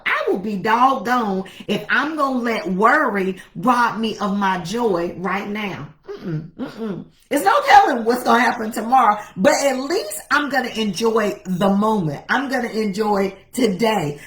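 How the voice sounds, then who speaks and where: A woman's voice: mid-range voice, fairly bright tone, roomy sound. A woman pastor preaching a casual devotional sermon, emphatic and repetitive, talking straight to her viewers.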